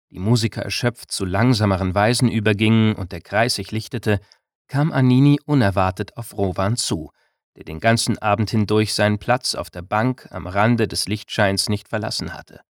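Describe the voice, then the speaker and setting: A man narrating a German-language novel as an audiobook in a calm, measured way. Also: lowish voice, no room sound, studio quality.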